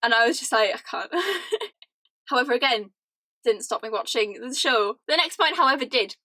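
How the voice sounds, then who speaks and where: A young British woman ranting casually to camera, animated and laughing often, with lots of "like". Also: fairly high pitch, normal speed, no room sound. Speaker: vlogger. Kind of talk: casual chatty rant to camera.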